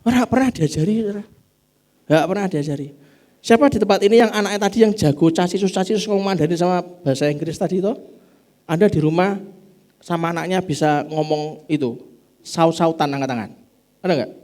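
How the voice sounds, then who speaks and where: A man with a Javanese accent preaching a sermon in church, acting out family dialogue in high voices. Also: brisk, a little mellow. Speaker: pastor.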